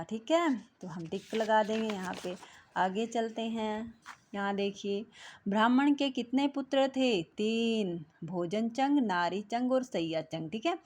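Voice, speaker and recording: A woman teacher patiently working through a children's textbook exercise, often pausing to check in with her class. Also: medium pitch, darkish tone. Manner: patient, repeats "ठीक है" between steps.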